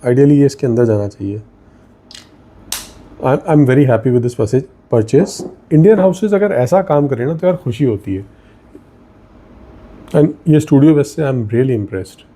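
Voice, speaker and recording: Man, Indian accent, very dark warm voice, casual perfume review, thinks aloud. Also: medium pitch, expressive, unhurried, pauses often. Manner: mixes Hindi and English, thinks aloud while sniffing. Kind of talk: casual product review vlog.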